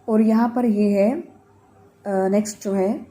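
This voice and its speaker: A woman teaching Quran recitation in an online class. She patiently corrects her students' mistakes, checks in with them, and models each word in slow, drawn-out recitation. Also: mid-range voice, fairly even intonation, mellow.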